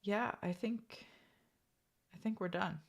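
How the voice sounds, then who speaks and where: A woman with a gravelly voice co-hosting a casual live podcast, chatty and relaxed. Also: mid-range voice, slow pace, highs cut off. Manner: relaxed, chatty, thanks listeners. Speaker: podcast co-host.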